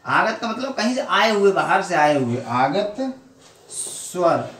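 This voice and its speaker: Male Hindi teacher with a Badaun accent, slightly higher voice, keeps quizzing and answering himself, recorded off-mic in an echoey room. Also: very animated, slow pace, fairly bright tone, far from the mic, slight background noise. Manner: asks questions and answers them himself. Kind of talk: classroom lesson.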